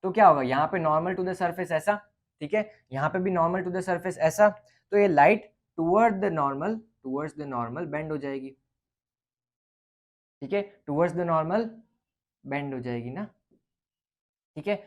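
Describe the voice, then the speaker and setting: A man works through a physics question as a teacher, thinking aloud. His delivery is casual and unhurried, and he pauses often to check that his students are following. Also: fairly high pitch, muffled recording. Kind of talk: explaining a lecture on light.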